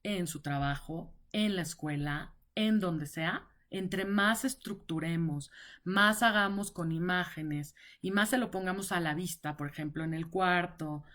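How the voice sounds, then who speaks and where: A woman's voice: on the low side, a little slow, a bit bright. A woman explaining visual schedules on a live stream, in a conversational way with frequent repetition and check-ins. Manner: conversational, repeats words and checks in with "ok". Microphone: device mic on a live stream.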